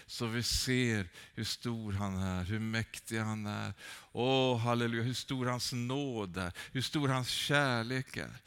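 A man's voice: mid-range voice, sharp tone, clear, resonant tone. A man preaching a sermon with fervent, rising calls and many hesitant fillers.

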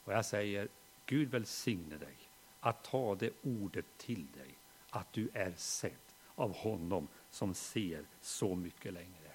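A middle-aged man with a low-pitched voice preaches a sermon built around a personal story. He shifts from hushed reflection to loud, animated storytelling, with slight background noise in the recording.

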